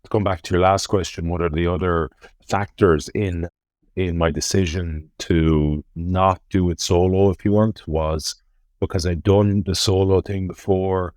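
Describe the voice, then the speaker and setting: Deep-voiced west of Ireland man. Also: fairly even intonation, unhurried, a little mellow, clean tone, no room sound, clean studio sound. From Galway, west of Ireland. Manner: earnest, emphatic, with rhetorical self-questioning. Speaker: interview guest, ocean rowing adventurer. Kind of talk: reflective conversational interview talk.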